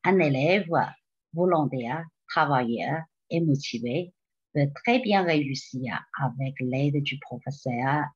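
Slow, careful Chinese-born woman teacher. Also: very deep voice, husky, lo-fi sound. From China. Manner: slow, careful delivery to parents. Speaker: Mandarin teacher. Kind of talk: recorded school presentation. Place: small room indoors.

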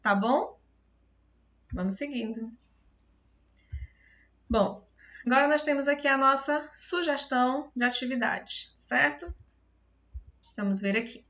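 A woman's voice: high voice, animated, slow, long pauses, a bit bright, dull audio. A woman with a Brazilian accent giving a recorded video lesson as a teacher. She explains step by step, patiently, and keeps checking whether her students understand. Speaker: Portuguese teacher.

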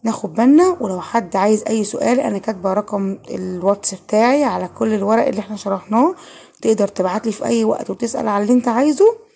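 A woman's voice: mid-range voice, racing, vocal fry, dark tone, breathy edge. A woman with an Egyptian Arabic accent giving an online French grammar lesson, patiently asking questions and answering them herself. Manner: patient, asks and answers her own questions. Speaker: French teacher.

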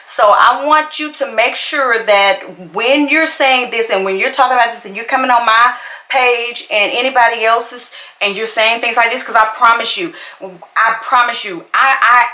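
Doing her makeup on camera, a woman in her forties answers a commenter sassily, repeating things for emphasis in her YouTube vlog. She's indoors in her bedroom, recorded by a fixed desk camera. The voice runs on the high side, pushed and bright, at normal speed, with an echoey room and a rough recording.

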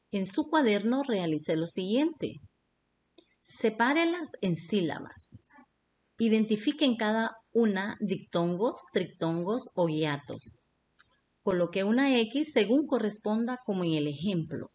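A woman teacher with a Honduran Spanish accent, reading a scripted lesson in a slow, deliberate way. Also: mid-range voice, a little hiss or hum.

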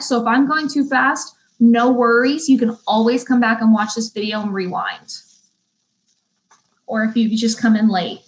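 A young woman teaching an online beauty school lesson, reading definitions slowly and chatting between them with easy laughs. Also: fairly high pitch, poor audio. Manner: chatty, laughs easily, stumbles and restarts; reads definitions slowly, then chats. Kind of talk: live online vocabulary lesson.

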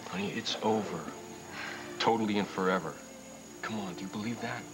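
A young actor playing an earnest husband in a TV soap, talking in a soft, hesitant, tender way. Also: male voice, lowish voice, steady tone, brisk, background noise, lightly acted. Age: young adult. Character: earnest young husband reassuring his wife. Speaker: soap opera character Trucker. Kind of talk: 1990s TV soap acting. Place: indoor studio set, dining room. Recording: soap soundtrack with music underneath.

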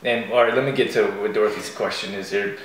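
A man in his thirties co-hosting a casual morning chat at home, relaxed and chuckling often. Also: on the low side, quick pace, slight background noise. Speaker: co-host. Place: home kitchen. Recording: echoey kitchen room.

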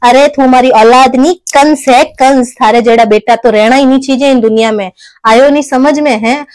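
A woman voices a sharp-tongued older mother in a Rajasthani comedy skit. Her voice sits high, and her Marwari accent is plain. She lectures in a scolding way and keeps pressing with tag questions. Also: steady tone, moderate pace, no echo, close to an everyday voice. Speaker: skit actor.

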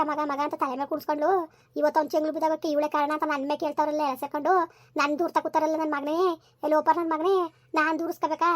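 Scolding village mother, a woman in the part, high-pitched, rattling off insults at breakneck speed, dry close sound. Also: dry recording, lightly acted. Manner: rapid-fire scolding, repeated insults. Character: furious village mother scolding her son. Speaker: mother in a village comedy skit. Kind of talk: rural comedy skit acting.

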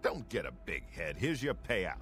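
An actor playing a gruff middle-aged gladiator trainer in a fantasy video game, giving tough, condescending coaching. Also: male voice, low voice, big pitch swings, moderate pace, a bit bright, soft background music. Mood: gruff, stern. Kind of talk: video game character dialogue.

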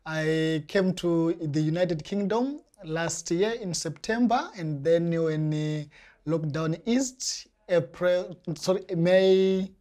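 A young man from Zimbabwe with a Zimbabwean accent, answering interview questions carefully with pauses and restarts, on a lapel mic in a small studio. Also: fairly high pitch, a little mellow. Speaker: interview guest, church member. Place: small indoor studio set.

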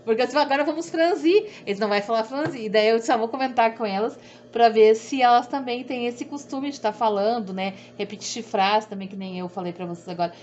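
A woman's voice: on the high side, brisk, a little mellow. A middle-aged woman with a southern Brazilian accent, rambling and repeating herself in a chatty sewing tutorial. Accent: southern Brazilian Portuguese. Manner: rambling, repetitive, self-deprecating. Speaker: sewing instructor. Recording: dull audio with faint background hum.

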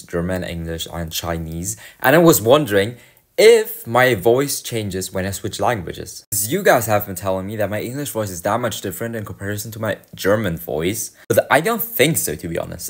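A young man with a very low voice chats to camera in a casual vlog. He is easygoing and a little self-deprecating. He talks close to the mic. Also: very animated, normal speed. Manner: casual, self-deprecating, switching between languages. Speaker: vlogger.

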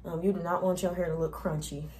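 Mellow-voiced young woman doing a hair tutorial. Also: lowish voice, flat delivery, quick pace, slight background noise. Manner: chatty, informal, talks viewers through each step. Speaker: beauty vlogger.

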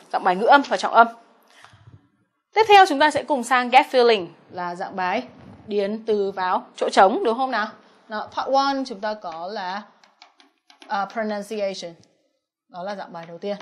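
A young adult woman teaching English exam answers, speaking Vietnamese and English words with a Vietnamese accent, patient and often checking in with her students. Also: medium pitch. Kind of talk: exam answer walkthrough lesson.

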